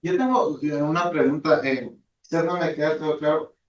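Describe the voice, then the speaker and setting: A man moderating a focus group, asking a question in a measured, slightly hesitant way. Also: a little high, fairly even intonation. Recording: distant, roomy, dull recording.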